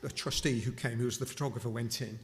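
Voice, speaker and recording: Talking fast in a mid-range, fairly even voice, this middle-aged Newcastle upon Tyne man gives a casual charity talk to a chapel congregation. He keeps restarting and wandering into asides as he chats.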